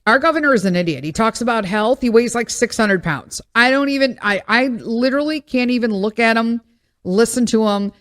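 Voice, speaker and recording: A woman's voice: on the high side, fairly quick. A woman, hosting a podcast in a casual, rambling monologue full of blunt, exasperated asides. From Chicago, USA. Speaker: podcast host.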